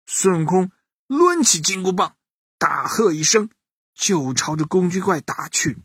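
Slow, animated bedtime storyteller man. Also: high voice, husky, no echo, studio quality. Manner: animated, addressing children directly. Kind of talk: children's bedtime story narration.

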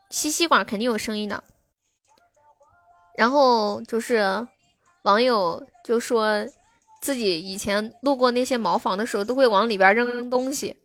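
A woman's voice: fairly high pitch, a bit bright, no echo. A young woman hosting a live stream, chatting casually with her viewers and answering their comments.

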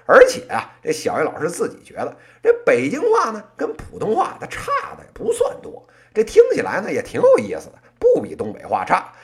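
Animated Beijing-accented solo podcast host, crosstalk style. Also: medium pitch. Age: late 30s. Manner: colloquial plain speech with erhua and frequent interjections. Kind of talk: comic monologue in one-person crosstalk style, business commentary.

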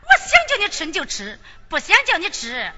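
A woman's voice: very high voice, wildly swooping pitch, brisk, sharp tone, exaggerated voice. A woman playing a cocky young opera nobleman. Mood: teasing. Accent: Henan. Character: spoiled young nobleman, the young master, cocky and teasing. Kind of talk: Henan opera stage performance, comic spoken dialogue. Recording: dull lo-fi recording with long hall reverb and opera music.

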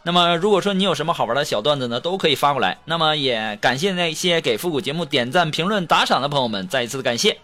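Playful male comedy host, lively pitch. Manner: chatty, playful, drawn-out sentence endings. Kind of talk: comic storytelling and joke reading. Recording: background music under voice.

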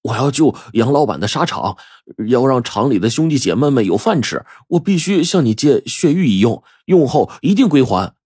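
A storyteller voicing an earnest young mill worker who pleads sincerely. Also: male voice, mid-range voice, sing-song, moderate pace, darkish tone, breathy edge, no room sound, clean studio sound, pitched above the performer's own voice.

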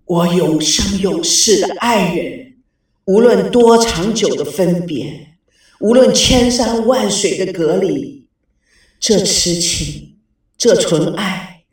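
A woman voicing a grief-stricken old man who speaks slowly and haltingly, choked with emotion. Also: fairly low pitch, darkish tone, husky, no echo, studio quality, heavily acted. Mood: tender.

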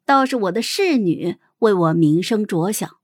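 A young adult woman hosting and narrating a first-person story in a measured, expressive manner. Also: mid-range voice, no room sound, clean studio sound. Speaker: audiobook host and narrator.

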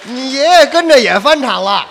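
A man serves as the straight man in a crosstalk comedy act, throwing in fast, mock-offended comebacks. His voice sits fairly high and moves around a lot in pitch. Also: animated, vocal fry, a bit bright, a faint crowd, a little hiss or hum. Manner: quick interjections, mock-indignant retorts.

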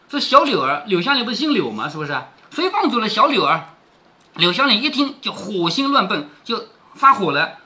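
Lively bright-voiced man explaining a classic novel. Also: high voice. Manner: explains lines in plain words, asks rhetorical questions. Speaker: host reading a classic novel aloud. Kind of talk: storytelling with commentary.

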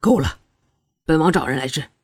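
A woman voicing a young male prince who is conflicted, speaking in a lowered, subdued murmur in an audiobook. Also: a little fast, darkish tone, breathy edge, no room sound, studio quality. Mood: irritated. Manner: low, subdued murmur, sometimes irritated.

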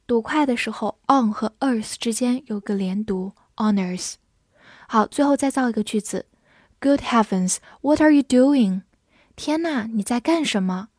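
A woman teaching English vocabulary, spelling words letter by letter and repeating them slowly for learners. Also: on the high side, a little mellow, no echo, studio quality. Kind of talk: vocabulary lesson.

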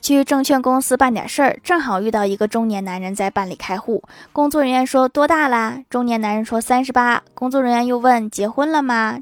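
A woman narrating short funny anecdotes with deadpan punchlines and wry laughs. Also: a little high, no room sound. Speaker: comedic storyteller. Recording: music bed underneath.

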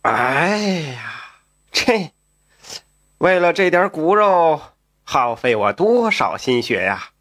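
A male storyteller voicing a drunk, scheming rich husband who confides a dark secret in a low, hesitant way. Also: expressive, slow pace, no echo, clean studio sound. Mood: confiding. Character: scheming wealthy young husband, drunk, confessing.

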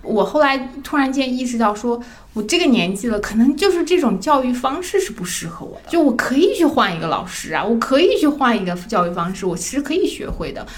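A woman's voice: fairly high pitch, big pitch swings, fast talker. A woman in her thirties chatting casually on a podcast, telling personal stories and acting out the voices of people she quotes, often laughing. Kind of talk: casual chat, personal storytelling.

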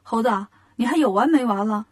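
A boastful monster king from a children's tale taunts his foes, a woman putting him on. The voice is husky and mocking. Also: a little high, fairly quick. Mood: taunting.

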